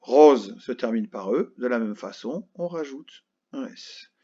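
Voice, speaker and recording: Expressive and dark-toned, a primary school teacher with a slightly husky, mid-range voice patiently teaches young children in a recorded lesson. He speaks slowly, spells words out letter by letter, and checks in often; the sound is a little dull and lo-fi.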